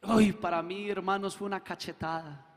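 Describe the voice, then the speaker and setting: A man preaching a testimony in church, acting out the voices in his story and rising to shouts. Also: high-pitched, fairly even intonation, normal speed. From Colombia. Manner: acts out quoted dialogue, swells to shouting. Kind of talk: sermon testimony. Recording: echoey hall with long reverb.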